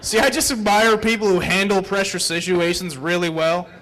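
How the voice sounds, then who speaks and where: A man's voice: sits high, fairly even intonation, normal speed, fairly bright tone. A young man doing a rambling, profane, self-deprecating stand-up set on a comedy club stage.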